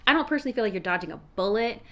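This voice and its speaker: A woman's voice: medium pitch, lively intonation, rapid-fire, sharp tone. A woman giving a casual fortune-telling tarot reading, speaking familiarly and directly to the listener with emphatic advice, with street noise behind her. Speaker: tarot reader, fortune teller. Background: rush-hour street noise.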